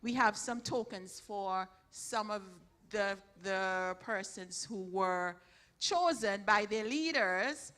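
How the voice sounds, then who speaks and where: A woman's voice: mid-range voice, slow, bright, forceful tone. A woman leading church announcements, thanking helpers in a chatty way with many restarts. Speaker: church program leader. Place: church hall.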